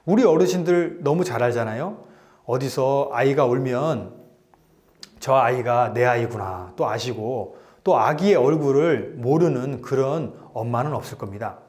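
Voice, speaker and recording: A man giving a lecture to elderly students, retelling a story with lively swings and frequent fillers. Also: mid-range voice, normal speed.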